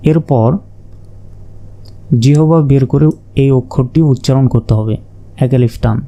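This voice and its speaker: A man teaching Quran reading, slowly naming and repeating each Arabic letter and explaining how to pronounce it. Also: mid-range voice, dark tone. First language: Bengali. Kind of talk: slow letter-by-letter pronunciation lesson.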